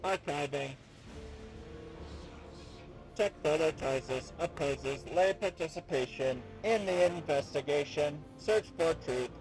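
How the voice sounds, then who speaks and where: A man voicing a cold robotic machine servitor unit with a metallic, clanging voice and slow, procedural delivery. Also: a little high, pitched above the performer's own voice, close to an everyday voice, poor audio. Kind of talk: reading game dialogue aloud.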